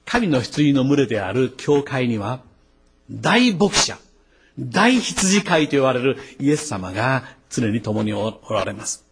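A man, a pastor, preaching a sermon, lifting his voice sharply on key words and dropping into quick asides. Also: medium pitch, very animated, slight background noise.

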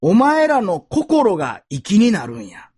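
A blunt, gruff veteran band teacher in thick Osaka dialect , as a male preacher puts him on. His husky voice swings widely in pitch as he drills his students. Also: huge pitch swings, takes it slowly, darkish tone, exaggerated voice.

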